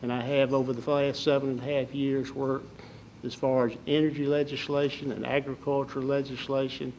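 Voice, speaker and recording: An older man from southern Alabama with a Southern Alabama accent, giving folksy, halting interview answers as a political candidate. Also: medium pitch, level tone, darkish tone, slight background noise, rough recording.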